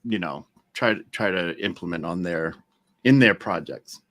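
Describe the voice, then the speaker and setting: Guy with a really deep but bright edgy voice, explaining stuff on a stream, lots of ums. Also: normal speed. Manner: explaining, hesitant with fillers. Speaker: guest, accessibility expert. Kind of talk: casual chat on a live stream.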